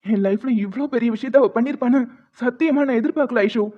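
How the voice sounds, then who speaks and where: A performer voicing a stubborn young husband set on revenge in a homemade cartoon, talking forcefully and insistently. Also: medium pitch, fast talker, close to an everyday voice. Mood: pleading. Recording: dull lo-fi sound with faint music.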